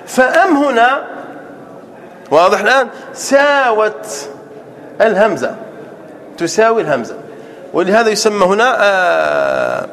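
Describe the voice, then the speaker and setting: High-voiced man teaching a grammar lesson. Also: very animated, a bit bright, in a large hall. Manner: checks on students with frequent rhetorical questions; repeats example sentences slowly and breaks them into words. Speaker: sheikh teaching Arabic grammar.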